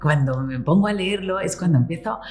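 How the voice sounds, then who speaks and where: A woman's voice: lowish voice, animated, fairly quick, over loud music. A woman hosting a casual interview, enthusiastic and exclamatory. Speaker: host, interviewer. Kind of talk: casual conversation.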